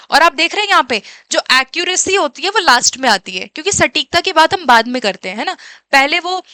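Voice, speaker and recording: Woman teacher, high and bright, drilling students with quick self-answered questions. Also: no room sound. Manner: explains by asking questions and answering them herself; switches between Hindi and English terms, reads English questions slowly. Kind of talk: exam-prep lesson.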